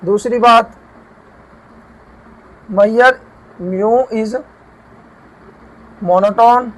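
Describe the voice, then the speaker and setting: High-voiced man teaching a math lesson. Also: steady tone, drawn-out words, poor audio. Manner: explains step by step, repeats and asks himself questions. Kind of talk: whiteboard math lecture. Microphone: camera mic while writing.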